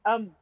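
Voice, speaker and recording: A woman's voice: no echo, highs cut off. A woman on an online voice call, talking bluntly and coldly. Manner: blunt, cold.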